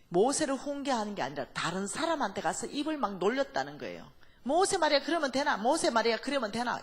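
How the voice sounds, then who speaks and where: A man's voice: sits high, a bit bright, slightly rough. A man preaching a revival sermon as pastor, questioning the congregation and dropping to a whisper to press a point home. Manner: acts out quoted voices, drops to whispers for emphasis; talks straight to the congregation with questions.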